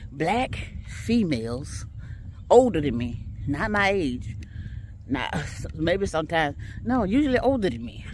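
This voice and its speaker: This vlogger's voice sits at a medium pitch, with a slight hiss or hum in the recording. Walking on an outdoor track and a little weary, she talks directly to her viewers in a relaxed way and laughs a lot.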